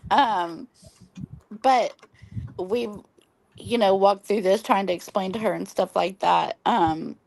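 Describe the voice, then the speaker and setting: A woman's voice: mid-range voice, slow pace, vocal fry, long pauses, darkish tone, no echo. A woman from Oklahoma hosting a casual late-night livestream chat, telling long earnest stories with many ums while losing her voice from smoky air. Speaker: livestream host.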